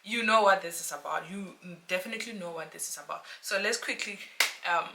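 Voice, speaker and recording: South african woman, real estate vlogger, bright voice, chatty and animated, filmed on her own camera. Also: mid-range voice, fairly quick, creaky. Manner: chatty, animated, talks to viewers as friends. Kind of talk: casual explainer vlog to camera. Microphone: camera mic, self-filmed.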